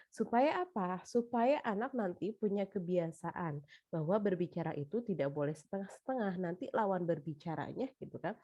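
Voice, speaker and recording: A woman's voice: medium pitch, warm tone, no room sound. A woman giving a casual spoken lecture on teaching children, chatty, with frequent fillers and tag questions. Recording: dull lo-fi sound.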